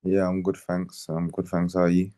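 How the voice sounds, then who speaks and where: A late-teen footballer from Birmingham, England, chats casually in an interview, laid-back and slangy, dropping tags like "innit" and "you know what I mean." His low, warm voice stays monotone at a normal pace. The studio-quality recording has no room sound.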